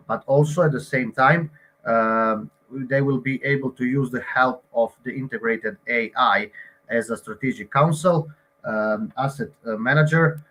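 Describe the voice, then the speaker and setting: A man from Croatia presents his game in an online pitch. He talks at a middling pitch and often stops on fillers while he searches for words. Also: a bit bright. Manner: hesitant, many fillers.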